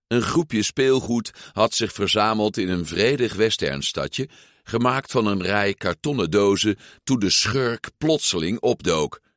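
A man narrating a children's storybook aloud in an expressive, lively way. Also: fairly low pitch, unhurried, no room sound, studio quality. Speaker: audiobook reader.

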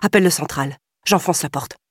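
A woman voicing a tired, irritable male police officer with a sarcastic edge, close to her own low reading voice. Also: brisk, dry recording. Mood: gruff. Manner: gruff, sarcastic.

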